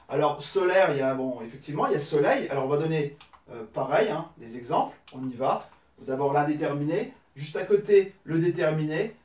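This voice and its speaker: A man's voice: fairly high pitch, a little mellow, distant mic. A man teaching a recorded lesson, explaining patiently step by step with many fillers. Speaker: Arabic teacher. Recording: roomy echo, voice from off-mic.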